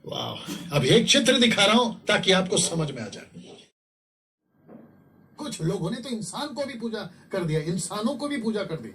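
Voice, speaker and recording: A man's voice: high voice, very animated, normal speed, bright, forceful tone. A man preaching an evangelistic sermon, exhorting his listeners and repeating his phrases for emphasis. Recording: distant mic with faint background noise.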